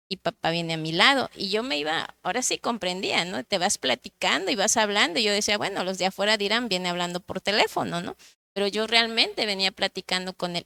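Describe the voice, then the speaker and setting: A woman's voice: mid-range voice, gravelly, fairly bright tone, no room sound. A woman reflecting on personal experience in a church conversation.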